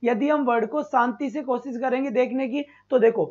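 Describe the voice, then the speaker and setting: High-voiced male teacher drilling phonetics. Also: fairly even intonation. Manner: calls students "beta", repeats and drills sounds slowly. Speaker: English teacher for exam prep. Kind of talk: live online class. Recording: dull lo-fi stream.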